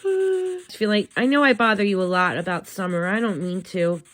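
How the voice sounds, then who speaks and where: A woman hosting a spirit box session, talking casually in a gentle, chatty, coaxing way as she asks questions. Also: on the low side, a little fast.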